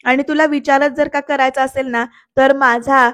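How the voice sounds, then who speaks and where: A woman's voice: high voice, steady tone, moderate pace, dry recording. Earnest young husband pleading, a woman reading him out. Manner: gentle pleading, mixes English phrases. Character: young man, earnest husband consoling his wife.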